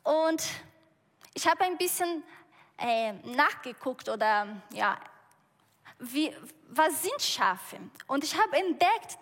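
A woman gives a sermon in a high voice, talking slowly and feeling her way through each sentence. She often breaks off and starts her words again. The sound rings with the long reverb of a large hall. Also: fairly bright tone. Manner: slow, searching storytelling with frequent restarts. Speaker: preacher.

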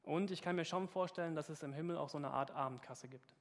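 A man's voice: fairly high pitch, fast, in a large hall. A man preaching a sermon and reading a parable aloud, earnest and questioning, talking straight to his congregation.

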